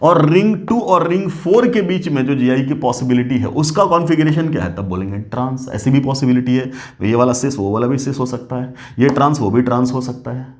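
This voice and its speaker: A man's voice: mid-range voice, lively intonation, brisk, few pauses. Man teaching chemistry at a board. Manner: asks questions and answers them himself; mixes English phrases into the lesson. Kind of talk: board lecture.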